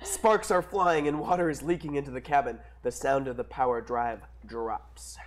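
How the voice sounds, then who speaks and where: A man's voice: medium pitch, moderate pace. A man reading scripted action narration at a casual comic table read.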